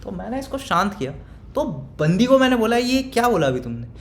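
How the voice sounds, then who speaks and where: A young man casually telling a storytime, animated and acting out his friends' lines, then dropping to low mutters. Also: a little fast. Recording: echoey room with faint rumble.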